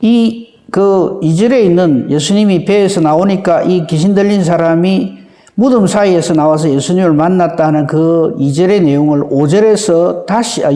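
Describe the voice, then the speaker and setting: A man's voice: sits high, mellow. A male pastor preaching a dawn sermon conversationally, often checking for agreement from the congregation. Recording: reverberant church hall.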